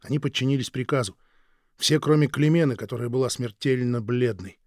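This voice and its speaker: A man reading a dramatic novel aloud as narrator, measured and storytelling. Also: mid-range voice, no room sound, studio quality. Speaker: audiobook narrator. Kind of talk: scripted narration.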